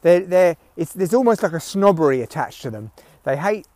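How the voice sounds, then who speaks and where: Higher-voiced man rambling into a headphone mic. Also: big pitch swings, normal speed, a little mellow, no echo. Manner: sweary, ranting, opinionated. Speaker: podcast host, comedian. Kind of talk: rambling solo podcast monologue. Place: outdoors in windy weather. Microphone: headphones used as mic. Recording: recorded through headphone mic, rustly clicks.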